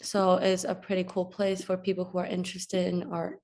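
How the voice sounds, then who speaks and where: A young woman from China narrates a campus tour in a relaxed, chatty way. Her pitch stays fairly level and her speech is full of fillers. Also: brisk. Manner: casual, frequent fillers like "like" and "so". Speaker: student tour guide.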